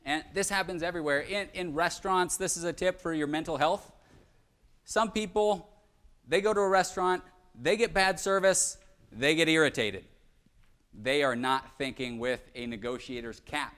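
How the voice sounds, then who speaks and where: A man's voice: on the high side, normal speed, fairly bright tone. A young man giving a live presentation, telling self-deprecating stories with humor. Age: young adult. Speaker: conference speaker.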